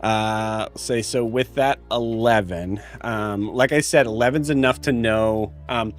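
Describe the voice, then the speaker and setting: A man acts as game master, improvising narration in a fairly low voice. He is casual and halting, often searching for words. Faint music plays behind him.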